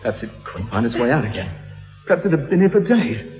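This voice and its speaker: A man's voice: mid-range voice, big pitch swings, fast, natural voice. Man acting a wildly swooping, deranged killer. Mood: unhinged, gloating. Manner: rambling, giggling, repetitive, menacing. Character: deranged, taunting male killer with childish, volatile temper. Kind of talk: melodramatic film thriller acting. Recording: echoey hall, dull lo-fi, music behind.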